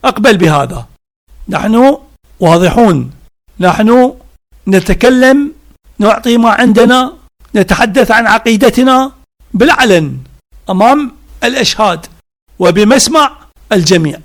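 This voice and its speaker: A man giving a religious lecture, slow and deliberate, stacking synonyms one after another with emphatic repetition. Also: high-pitched, lively intonation.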